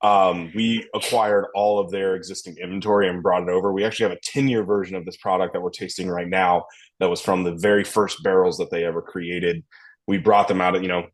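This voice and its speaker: A man's voice: low-pitched, steady tone, brisk. A young man, a distillery blender talking through a tasting in a rambling, enthusiastic way. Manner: rambling, enthusiastic, lots of fillers. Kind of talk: casual tasting talk.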